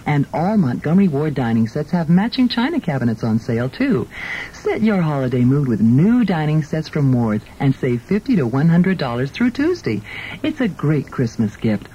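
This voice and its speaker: A man reads a commercial with a mellow, fairly high voice that moves a lot in pitch. It plays through a car radio speaker, dull and lo-fi. A faint hiss runs underneath. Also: sing-song, moderate pace. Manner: smooth promotional delivery. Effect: played through a car radio speaker. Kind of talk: scripted radio commercial read.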